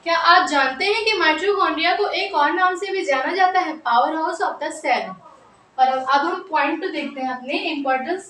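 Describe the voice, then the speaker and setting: In a room with a board, a woman teaches a biology class, repeating key terms, answering her own questions, and slipping in English phrases. Her high voice is pushed and bright, recorded from a distance in an echoey room with slight background noise.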